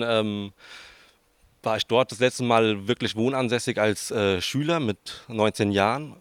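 This interviewee is a man in his twenties, a student researcher from southern Hesse, Germany, whose southern Hessian accent is clear. His voice is mid-range, and he responds informally and a bit hesitantly. There's no echo.

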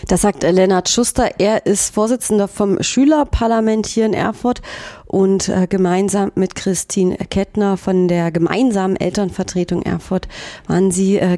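Radio host, woman, mellow studio read with a dry sound, casual and hesitant. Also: medium pitch, steady tone, normal speed, no echo. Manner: casual, with frequent hesitation fillers. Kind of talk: radio magazine presenting. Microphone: studio microphone.

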